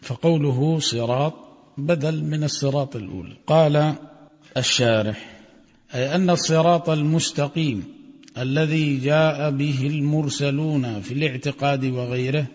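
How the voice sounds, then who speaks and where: A man giving a religious lesson, reading a text aloud and explaining it in a measured way, chanting the quoted passages. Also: on the high side, a little mellow. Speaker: religious teacher. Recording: dull audio with long hall reverb.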